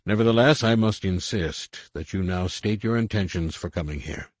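A man's voice: deep voice, moderate pace, no room sound, studio quality. A man voicing a formal, pompous male general who blusters under pressure. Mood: stiff.

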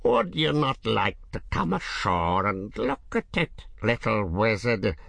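A man voicing an ancient, cunning male dragon with a great dry voice, speaking slowly and coaxingly. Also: fairly low pitch, wildly swooping pitch, vocal fry, a bit bright, slightly rough, dry recording, pitched above the performer's own voice, exaggerated voice. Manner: slow, coaxing, drawn-out words.

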